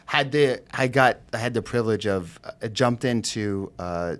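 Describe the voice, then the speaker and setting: A middle-aged man, a realtor guest on a podcast, telling an anecdote in an animated way with plenty of fillers. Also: fairly low pitch, moderate pace. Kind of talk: casual storytelling on a podcast.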